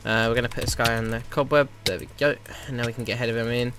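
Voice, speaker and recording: Fast-talking gamer guy with a cold. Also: mid-range voice, fairly even intonation, a bit bright. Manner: rambling, chatty, self-correcting. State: has a slight cold, sniffly morning voice. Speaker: gaming YouTuber. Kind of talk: casual gameplay commentary.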